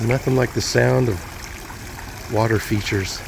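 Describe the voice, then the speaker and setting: Gravelly-voiced man chatting through a walk. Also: medium pitch, fairly even intonation, slow pace, noisy background. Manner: chatty, easygoing, thinks aloud. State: rough morning voice. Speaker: vlogger. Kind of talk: casual walking vlog narration. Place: outdoor plazas and market.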